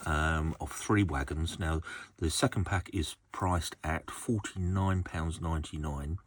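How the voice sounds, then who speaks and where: A man's voice: sits low, slight background noise. A man with an Essex accent giving casual, chatty hobby-channel commentary, hesitating as he thinks aloud. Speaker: host of a model railway channel.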